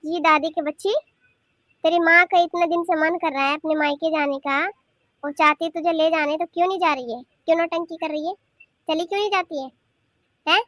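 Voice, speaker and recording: A woman voicing a bossy, sharp-tongued grandmother in a cartoon, nagging and scolding. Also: extremely high pitch, fairly even intonation, a little fast, no echo, clean studio sound. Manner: scolding, nagging rhetorical questions. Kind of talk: cartoon voice acting.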